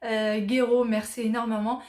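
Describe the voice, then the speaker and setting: Chatty 30s woman from morocco reading out fan questions, lots of "euh", kinda high voice, roomy echo. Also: level tone, normal speed, a little mellow. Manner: chatty, reads out viewer questions then answers with many fillers. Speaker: vlogger answering viewer questions. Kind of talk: casual Q&A vlog.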